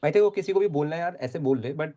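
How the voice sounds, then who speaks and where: In this live online physics lecture, a young man with a fairly high, mellow voice talks quickly. His delivery is casual and chatty, full of repeated phrases as he coaxes the students.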